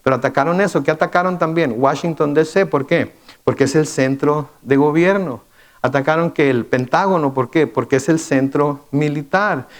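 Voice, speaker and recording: A man delivering a midweek sermon, his voice sitting a little higher than most men's. He talks to his congregation conversationally, firing off rhetorical questions and often stumbling into repeated words before pressing on. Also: moderate pace. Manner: repeats words and restarts with fillers. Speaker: pastor.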